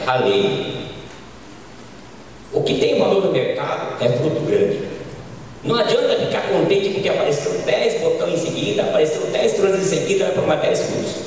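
A middle-aged Brazilian man giving an informal conference lecture on a handheld microphone, often ending points with quick tag questions. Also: fairly high pitch, darkish tone, slight background noise. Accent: Brazilian Portuguese. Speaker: agronomist lecturer. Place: large conference hall. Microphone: handheld mic, filmed from far. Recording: echoey hall from far off.

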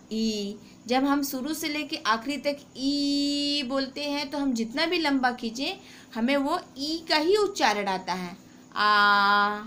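A woman teacher with a fairly high voice walks her class through a grammar lesson at a very slow, careful pace. She keeps checking in with the pupils and repeats key points patiently. Faint room noise sits under the voice. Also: fairly bright tone. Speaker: school teacher.

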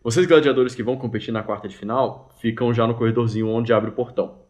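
A man in his thirties with a Brazilian accent, casually narrating a tabletop game as game master in an animated, colloquial way. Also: mid-range voice, quick pace. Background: background music.

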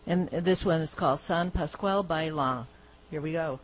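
A woman's voice: low voice, moderate pace, a little hiss or hum, rough recording. A woman hosting a radio music show, talking in an upbeat, casual way with fillers and station plugs. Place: radio studio.

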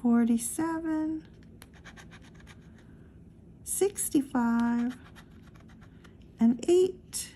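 A woman with a high, soft, mellow voice works through a stack of scratch-off tickets, reading each number aloud very slowly. She talks in an easy, casual way to the camera over her tabletop. Faint room noise sits under her voice. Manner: slow, calls out numbers one by one. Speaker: lottery scratch-off vlogger.

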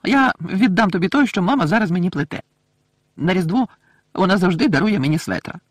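A man's voice: high voice, expressive, a little fast, no echo, clean studio sound, pitched above the performer's own voice. A man voicing a friendly, generous teenage schoolboy in an audiobook.

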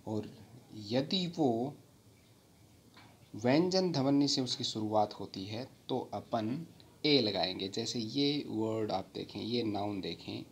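A man teaching English grammar in a patient lesson, repeating words slowly and pausing on fillers. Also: fairly low pitch, a little hiss or hum. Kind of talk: slow explanatory lesson.

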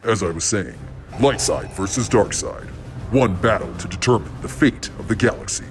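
Man as a deep, portentous epic narrator. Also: lively intonation, music in the background, lightly acted. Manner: portentous, dramatic, measured. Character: grand, solemn male epic film narrator. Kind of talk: scripted trailer-style parody narration.

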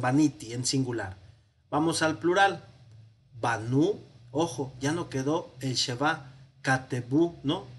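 Man, Mexican Spanish accent, grammar teacher, patient explanations, slightly raised pitch. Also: a bit bright, breathy edge. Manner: patient, explanatory, self-correcting, with many "este" fillers. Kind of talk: online grammar lesson.

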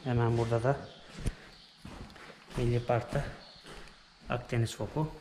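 A man's voice: medium pitch, level tone, a little slow. A young man vlogging as he walks through a small museum, naming the exhibits one after another in short bursts. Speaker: travel vlogger. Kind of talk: casual guided walkthrough. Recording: echoey room, noisy background.

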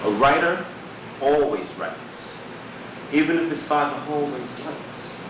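A man performing his own spoken word poems at an open mic, with a rhythmic, rhyming delivery and dramatic pauses. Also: fairly high pitch. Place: small poetry theater stage. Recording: echoey room, distant mic, background hum.

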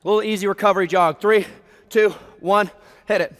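A young American man with a high, clear voice leads a workout like a hyped gym bro. He fires out motivational cues and countdowns while working hard himself, his voice ringing through a big reverberant hall. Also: steady tone, brisk, fairly bright tone. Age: 20s. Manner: exerting himself while talking. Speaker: fitness instructor leading a group workout. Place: large brick warehouse gym, indoors. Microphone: headset.

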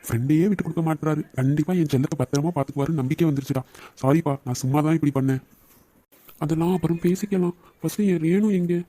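A man voicing a hot-headed, loyal young man in an animated story, talking fast and emphatically. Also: on the high side, close to an everyday voice. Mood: anxious.

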